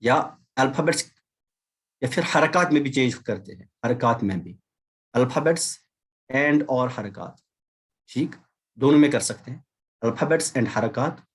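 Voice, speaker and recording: A man's voice: mid-range voice, lively intonation, takes it slowly, pauses often, husky. A man teaching an Arabic class over a video call, explaining patiently and repeating key words, with English mixed in. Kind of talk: online class lecture.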